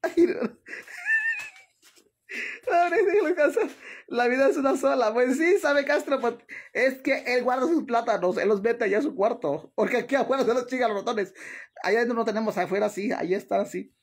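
A man's voice: very high voice, fairly quick. A man with a Mexican accent chatting on a live stream, dramatic and full of exclamations, calling his viewers "sisters". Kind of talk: casual live-stream chat.

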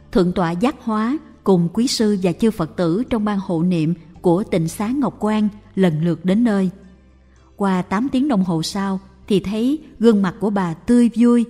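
A woman slowly and calmly reading a Buddhist story aloud. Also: mid-range voice. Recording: reverberant with faint music.

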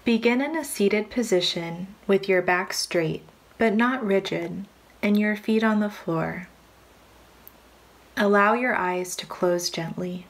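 With a medium pitch and some vocal fry, a woman reads from a guided imagery meditation script, keeping her delivery soothing and measured with long pauses.

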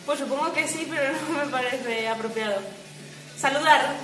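Chatty high-voiced woman from Spain. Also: a little fast, reverberant. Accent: Spain Spanish. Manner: chatty, laughs often, reads viewer comments aloud. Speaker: livestream host. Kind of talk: casual livestream chat. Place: at home lying in a swaying hammock. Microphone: phone.

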